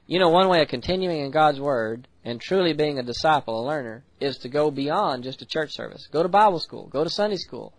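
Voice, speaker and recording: Higher-voiced American preacher, dry sound. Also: male voice, dry recording, low-quality recording. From United States. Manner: earnest preaching, slows for scripture, quick asides. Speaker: pastor. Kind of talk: sermon.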